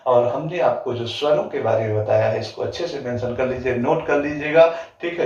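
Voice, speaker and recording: A man teaching an exam-prep grammar lesson. He asks the class questions, answers them himself, repeats definitions slowly with drawn-out words and keeps saying "ठीक है". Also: mid-range voice, a little mellow. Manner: fills gaps with "ठीक है". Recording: echoey, distant, dull lo-fi room sound.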